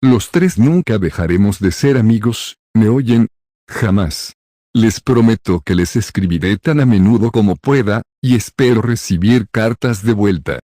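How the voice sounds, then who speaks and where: A man's voice: fairly low pitch, expressive, mellow, no room sound, clean studio sound. A man doing a teen wizard's fake pirate voice. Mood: mock-stern. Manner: slow, drawn-out mock pirate delivery. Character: teenage boy wizard faking a pirate accent.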